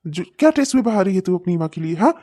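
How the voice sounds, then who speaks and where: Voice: mid-range voice, lively intonation, rapid-fire, natural voice. A voice actor playing an abusive, short-tempered husband and father in a cartoon, hurling insults and threats. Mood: angry. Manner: shouting insults, snarling and threatening. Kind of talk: cartoon comedy voice acting.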